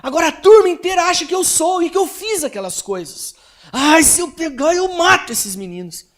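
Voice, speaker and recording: A man with a Brazilian accent voicing an angry, indignant young schoolboy who shouts threats. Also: extremely high pitch, brisk, voice pushed up.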